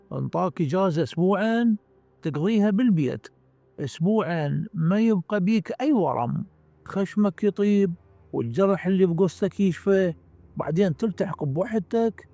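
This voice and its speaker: A man's voice: high-pitched, dark tone, no echo. A man reading the part of a menacing male security agent who drives a car, sneering and threatening in an Iraqi accent. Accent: Iraqi Arabic. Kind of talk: dramatic story reading.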